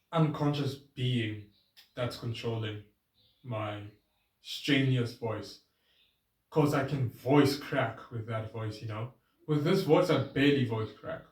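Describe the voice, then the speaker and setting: Male vlogger, mid pitch, loose reflective monologue, picked up by a distant camera in an echoey space. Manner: rambling, earnest, voice shifting between registers. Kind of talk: casual self-reflective monologue. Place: outdoors with his bike. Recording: roomy, distant camera sound.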